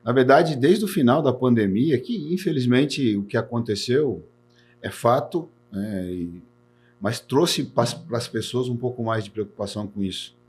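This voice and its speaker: A Brazilian insurance executive in his forties talks earnestly on a podcast interview, his medium-pitched voice unhurried and darkish, with a faint hiss or hum in the background. He repeats words and frequently tacks "né" onto his sentences.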